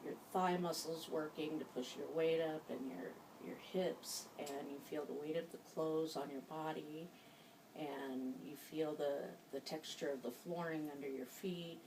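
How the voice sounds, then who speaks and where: Low-voiced woman guiding hypnosis, recorded from afar. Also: darkish tone. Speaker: hypnosis practitioner. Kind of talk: informal guided hypnosis session. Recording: distant mic, faint background noise.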